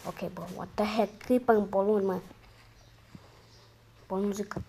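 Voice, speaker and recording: A woman with a hoarse voice giving casual, slangy gameplay commentary, muttering to herself between sudden loud outbursts. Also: medium pitch, steady tone, slight background noise. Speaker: gamer.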